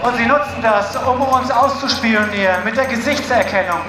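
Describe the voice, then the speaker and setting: A man's voice: very high-pitched, steady tone, moderate pace, over music. A man interpreting a speech phrase by phrase at an outdoor demonstration, now and then restarting a word. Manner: translating phrase by phrase, occasionally restarting words. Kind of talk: consecutive interpreting at a rally. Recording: echoey outdoor loudspeaker sound with crowd noise.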